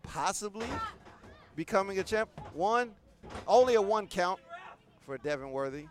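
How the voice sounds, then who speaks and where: Male play-by-play wrestling commentator with a high voice; excitable, loud on big moves. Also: measured pace.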